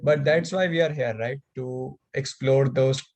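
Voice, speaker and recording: A man's voice: mid-range voice, unhurried. A young man from India co-hosting a student podcast, talking casually with many likes and you-knows. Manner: animated, lots of "like" and "you know". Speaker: podcast co-host, student club outreach lead.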